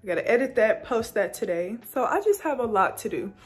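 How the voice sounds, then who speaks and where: Soft background music accompanies a young adult woman vlogging from her small apartment bedroom. She's a college student with a Southern US accent, and her slightly high voice moves briskly. Holding the phone camera at arm's length, she chats in a relaxed, slangy way.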